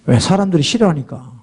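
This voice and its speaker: A middle-aged man preaching a sermon as pastor, swinging from hushed murmurs to loud, emphatic exhortation. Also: on the high side, breathy edge.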